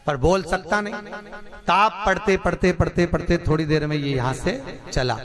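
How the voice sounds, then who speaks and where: Animated preacher man before a crowd. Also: a little high, normal speed. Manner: animated, rhetorical questions to the crowd. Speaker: Shiv Puran preacher. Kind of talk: devotional sermon storytelling. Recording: crowd audible behind voice. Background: crowd laughing and responding.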